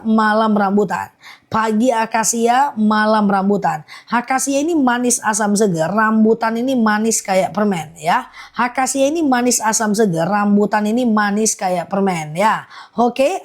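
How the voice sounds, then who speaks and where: A woman's voice: fairly high pitch, darkish tone. A woman selling honey on a live stream, rattling off long repeated lists and urging viewers to buy. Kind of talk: live-stream sales pitch.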